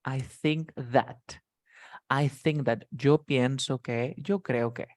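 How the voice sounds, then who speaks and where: A man's voice: mid-range voice, steady tone, very slow. A man teaches beginner English, patiently repeating words and calling on his students one by one. His voice sounds close and dry, with no room echo. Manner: patient, drills words and asks students by name. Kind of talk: live online class teaching beginners.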